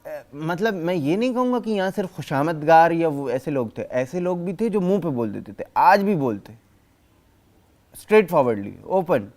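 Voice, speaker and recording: A man's voice: fairly high pitch, lively intonation, normal speed, a little mellow. A man who speaks directly in a documentary interview and often mixes English words into his talk.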